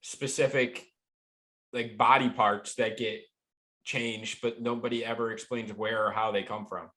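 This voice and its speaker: A man's voice: on the low side, level tone, a little slow, pushed and bright, low-quality recording. A man co-hosting a casual podcast chat, rambling with lots of fillers and swearing. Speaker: podcast co-host.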